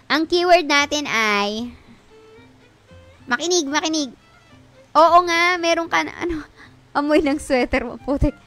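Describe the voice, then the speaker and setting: A young woman with a high-pitched voice streams a mobile game, offering loud, casual commentary punctuated by sudden shrieks and swearing.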